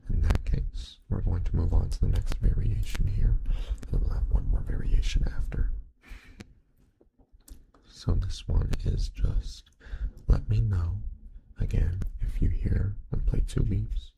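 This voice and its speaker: A young man whispering softly and patiently through an ASMR hearing test roleplay, giving step-by-step instructions and quiet praise. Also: low voice, fairly even intonation, unhurried, gravelly.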